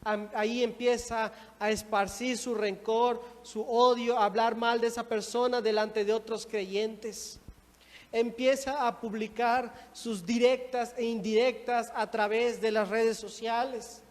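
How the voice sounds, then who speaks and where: A man preaches a sermon in a high, ringing voice. He builds his points with rising emphasis and acts out quoted speech. The long reverb of a church hall trails every phrase. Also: level tone, a little slow. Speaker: minister.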